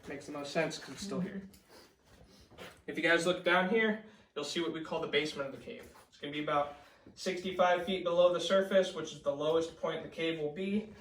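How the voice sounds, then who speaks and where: Man, higher-pitched, brisk casual tour guide, echoey cave sound. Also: a bit bright. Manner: casual, addressing a group. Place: inside a limestone cave. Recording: echoey cave, distant mic, background noise.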